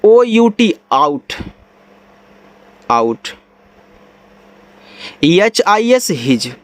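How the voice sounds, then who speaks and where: A man's voice: sits high, very animated, extremely slow. A man with an Indian accent teaching English reading, spelling each word letter by letter and then sounding it out. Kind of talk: reading lesson in Hindi.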